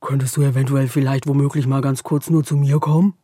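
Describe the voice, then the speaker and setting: A drowsy cave dragon from a storybook that grumbles slowly and softly, just woken from a long sleep, as a woman acts it out. The voice is husky and set in a dry, close space. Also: no echo, exaggerated voice. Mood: shy. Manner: slow, low, drowsy growl.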